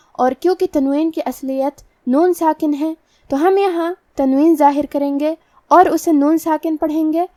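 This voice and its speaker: High-voiced woman teaching Quran recitation. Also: darkish tone, no room sound, studio quality, recorded from a distance. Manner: slow, careful, methodical explanation. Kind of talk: tajweed lesson, explaining letter rules.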